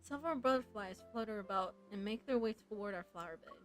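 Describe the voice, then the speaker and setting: A young woman reading a story game aloud, breaking into chatty, excited asides. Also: medium pitch, quick pace, soft background music, low-quality recording. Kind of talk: casual playthrough narration.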